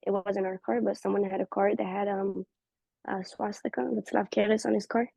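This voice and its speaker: An Israeli woman with an Israeli accent, appearing as an interview guest, tells personal stories in a casual talk, speaking fast and animatedly as she acts out the people she quotes. Her mid-range voice has vocal fry and a breathy edge. The recording is dry, dull and lo-fi.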